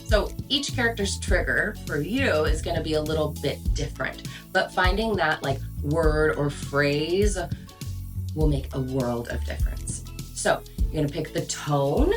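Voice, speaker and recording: Over music, a deep-voiced woman speaks unhurriedly with lively intonation. She's a voice-over coach and show host, giving casual, chatty, emphatic instruction in a video chat.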